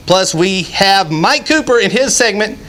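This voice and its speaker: Male TV wrestling host, high voice, upbeat and promotional, chatty between introductions. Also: expressive, a little slow, bright, forceful tone. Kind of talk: scripted show opening with casual banter.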